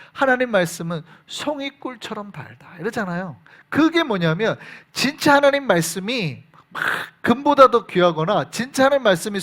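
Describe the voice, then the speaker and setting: A man's voice: sits high, a bit bright. A man preaching a sermon who keeps asking the congregation questions. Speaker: pastor. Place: church.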